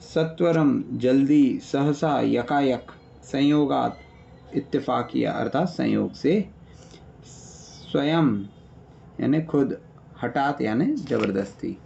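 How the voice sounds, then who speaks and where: A man's voice: medium pitch, animated, slow, gravelly, dark tone, dull audio, a little hiss or hum. A man teaching an online grammar class, patiently explaining and listing word meanings, often checking in with his students. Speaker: Sanskrit teacher. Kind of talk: online class revision lecture.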